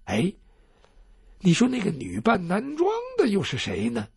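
Storytelling role: measured, quietly sly swordsman, played by a male storyteller, gravelly and dry. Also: high voice, wildly swooping pitch, no room sound, full character voice. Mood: calm. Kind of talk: traditional Chinese storytelling.

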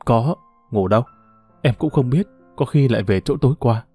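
A man's voice: mid-range voice, expressive, normal speed, mellow, slightly rough, soft background music. A man voicing a desperate young father who calls out pleadingly for his missing wife. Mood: weary, humble. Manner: calling out pleading and plaintive.

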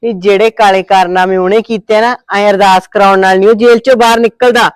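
A woman playing a sharp-tongued, taunting mother-in-law. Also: mid-range voice, steady tone, fast talker, clean tone, no room sound, close to an everyday voice. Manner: taunting, sarcastic. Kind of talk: amateur short-film acting.

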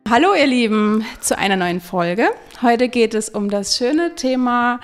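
A woman's voice: a little high, unhurried. Upbeat woman podcast host, music behind. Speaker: podcast host, wedding planner. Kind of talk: casual podcast hosting.

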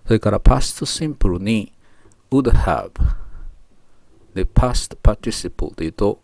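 A man teaching English grammar, reading model sentences slowly and carefully with pauses. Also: on the low side, expressive, vocal fry, a little mellow, dry recording. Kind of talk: explaining grammar to learners.

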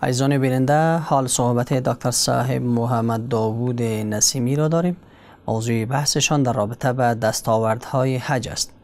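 A man's voice: medium pitch, steady tone, a little mellow. A man formally introducing segments of a religious TV program. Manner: formal, measured announcing. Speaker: program announcer.

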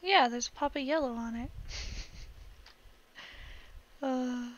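The recording is muffled as a young woman, a gaming vlogger, plays a building game and chats in a rambling way with giggly asides and occasional voice cracks. Her voice is high-pitched and her pace slow.

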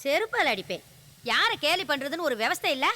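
A woman's voice: sits high, sing-song, brisk. Nagging older mother. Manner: scolding, complaining. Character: nagging older mother pushing son to marry. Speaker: hero's mother. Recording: loud film music behind.

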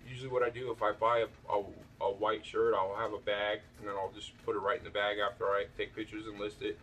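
A man's voice: on the low side, flat delivery, fast, a bit bright, far from the mic. A man chatting casually as he shows his thrift finds, rambling with many fillers and restarts, outdoors on a back porch at night. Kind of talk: casual vlog show-and-tell.

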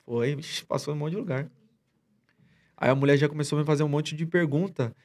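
A man's voice: a little high, a little fast, darkish tone. A man as a podcast guest, retelling a story in a rambling, slangy way with many restarts. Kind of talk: casual storytelling chat.

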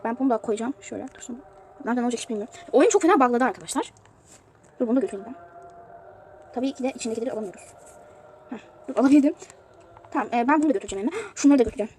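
A woman's voice: high-pitched, warm tone, slight background noise. A woman giving casual commentary on a mobile game she is playing, chatty and prone to exasperated outbursts. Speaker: youtuber showing a mobile game.

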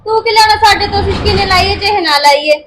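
A woman's voice: very high voice, fast talker, background noise. A woman playing a blunt, dismissive young daughter-in-law. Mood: defiant.

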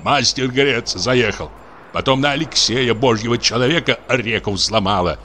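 A man's voice: medium pitch, normal speed, pushed and bright, a little hiss or hum, natural voice. A man voicing a frightened, superstitious village deacon who grumbles and rants tearfully. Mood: ranting. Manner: grumbling, accusing, tearful muttering.

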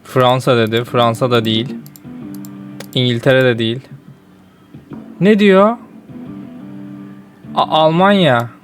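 A man's voice: medium pitch, normal speed, faint music behind. A young man giving casual commentary while playing a geography game, often exasperated and breaking into outbursts. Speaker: gaming streamer.

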